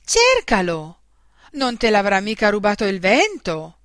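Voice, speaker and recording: A woman's voice: mid-range voice, huge pitch swings, unhurried, a bit bright, no room sound, studio quality. A woman doing a mother calling out.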